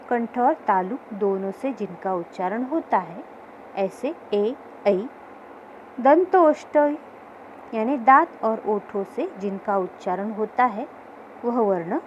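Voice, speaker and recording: A woman teaching a grammar lesson in a slightly high voice, taking her time over every word. She sounds out each letter one at a time with care. A faint hiss of background noise sits under her voice. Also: animated, lo-fi sound. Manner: slow, careful explanation that spells out letter sounds one by one.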